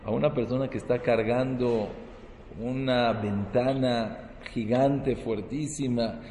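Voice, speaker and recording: A man's voice: medium pitch, steady tone, slow, dark tone, roomy sound, big-room sound, slight background noise, rough recording. A man giving a sermon as a rabbi, mixing Hebrew terms into his talk and building to emphatic, rising peaks.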